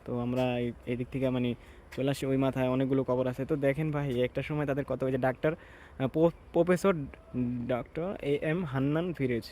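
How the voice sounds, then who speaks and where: A man gives a hushed, reflective walking tour of an outdoor graveyard, pausing to read the graves aloud. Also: medium pitch, fairly even intonation. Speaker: vlogger. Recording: outdoor ambience noise.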